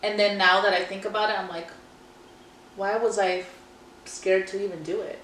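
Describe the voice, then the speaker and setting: A woman with a medium-pitched voice shares personal thoughts in casual conversation. She sounds a little away from the microphone, in an echoey room. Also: fairly even intonation, moderate pace, a bit bright. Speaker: podcast co-host. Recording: echoey room, distant mic, faint noise.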